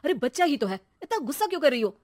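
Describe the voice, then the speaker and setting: An irritated father who works from home, put on by a woman, speaks in a high, lively voice. He complains drily and teases in cartoon-story banter. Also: racing. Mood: reproachful. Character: irritated, teasing husband and father working from home. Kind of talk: animated cartoon story voice acting.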